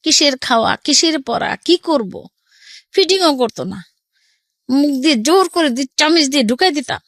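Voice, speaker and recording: A middle-aged woman with a Bangladeshi accent, high-voiced and at normal speed, tells an interviewer her personal story. She's animated and acts out people's words as she recounts. The sound is dry and studio quality.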